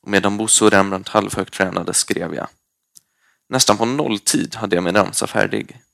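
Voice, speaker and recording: A man reading a first-person story aloud in a lively, expressive way. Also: on the low side, vocal fry, no room sound, clean studio sound. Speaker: audiobook narrator.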